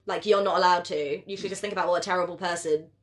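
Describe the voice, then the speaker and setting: A woman's voice: on the low side, steady tone, fast. A woman co-hosting a true-crime podcast, questioning and indignant in casual talk. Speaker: podcast co-host.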